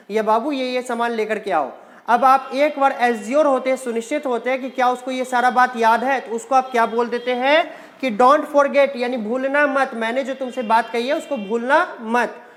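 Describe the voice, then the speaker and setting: A woman with an Indian accent gives a spoken English lesson, her voice sitting a little high. She drills short everyday phrases, saying each one slowly and repeating it before explaining when to use it. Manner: addresses learners as children and guys. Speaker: English teacher.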